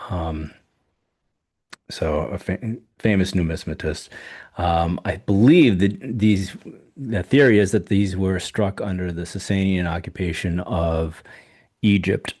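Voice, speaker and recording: A man hosting a podcast, thinking aloud in casual solo commentary with many pauses and restarts, his voice going hoarse. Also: deep voice, darkish tone. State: losing his voice. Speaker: podcast host reviewing coin auctions.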